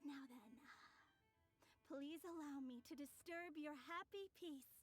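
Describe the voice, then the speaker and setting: A woman's voice: high-pitched, slow pace, no echo, soft background music. A woman playing a composed, courteous young witch in a video game, speaking with polite theatrical confidence. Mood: poised.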